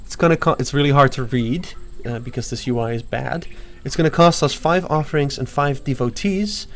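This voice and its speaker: A young man, a game developer, casually talking through a live stream of his own game, excitable and playful with lots of fillers. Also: medium pitch, brisk.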